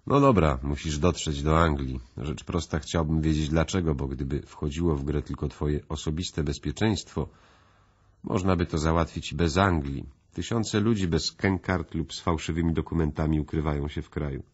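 A man reading an icily calm host. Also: rumbling low, slightly rough, highs cut off. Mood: coolly calm. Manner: measured, icy calm. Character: cool composed male host, calmly probing.

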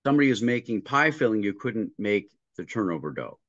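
This middle-aged restaurant consultant has a low-ish, sing-song, fairly bright voice, a little fast and without echo. Appearing as a casual interview guest on a video call, with a painting behind him in a home room, he explains his work stories step by step, acts out dialogue and frequently restarts, all through dry, muffled audio.

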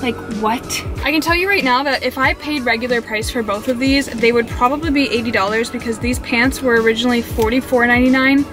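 Young woman, high voice, chatty and upbeat, filmed in a parked car, music playing underneath. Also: fairly even intonation, fast talker, hardly any pauses. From Canada. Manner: chatty and upbeat, often says "like". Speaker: fashion vlogger. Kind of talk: casual shopping haul vlog. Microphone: camera on the dashboard.

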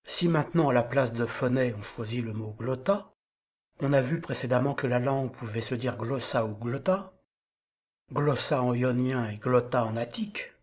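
A man giving a scripted lesson, explaining grammar in a measured, didactic way. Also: mid-range voice. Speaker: teacher.

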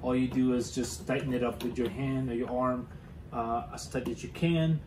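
A young man walks through a hands-on garage install, his talk full of fillers and restarts as he works. His voice sits at an ordinary pitch and bounces around a roomy, echoey garage, picked up by a camera mic a few feet away. A faint hum sits underneath. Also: steady tone, normal speed. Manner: hesitant, many fillers and restarts while working with his hands. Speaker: DIY car channel host. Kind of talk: casual how-to demonstration. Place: cluttered garage indoors.

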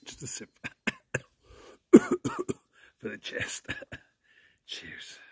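A man's voice: extremely slow, warm tone. A tired man chatting cheerfully to camera as a fishing vlogger, laughing often. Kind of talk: casual chat to camera. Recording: very echoey, voice from a distance.

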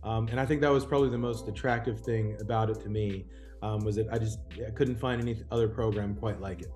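Male host, mellow and low, relaxed chatty delivery with fillers. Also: fast talker, faint music behind. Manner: chatty with frequent ums and rhetorical "right?". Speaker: host and program alumnus. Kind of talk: casual talk.

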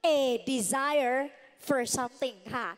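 A woman English tutor giving a lively lecture in a large hall, coaxing students with frequent polite particles. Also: sits high, very slow. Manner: coaxing, calls students "children", ends phrases with polite particles. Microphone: handheld mic.

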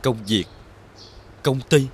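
A man's voice: medium pitch, takes it slowly, a little hiss or hum, lightly acted. A young man acting as a bitter brother who talks in a cold, resentful tone in a TV drama.

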